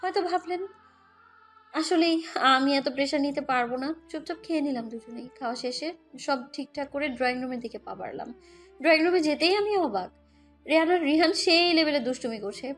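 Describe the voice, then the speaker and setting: A woman narrates a romantic audio story in the first person, also voicing the heroine, in a scripted delivery. Her voice is high-pitched and fairly quick, with background music playing under it.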